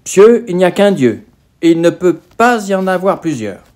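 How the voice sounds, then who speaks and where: A man's voice: high-pitched, sing-song, moderate pace, darkish tone, voice pushed up. A man putting on a flustered rustic schoolboy. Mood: eager, flustered. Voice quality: rustic, hesitant with fillers. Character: naive country boy catechism pupils, rustic speech.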